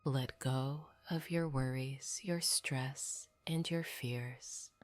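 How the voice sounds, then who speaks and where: A woman reading scripted sleep stories in a soft, breathy, half-whispered voice, soothing and gently guiding the listener toward rest. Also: rumbling low, steady tone, extremely slow, no echo. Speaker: sleep story narrator. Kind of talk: scripted bedtime sleep story narration. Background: background music.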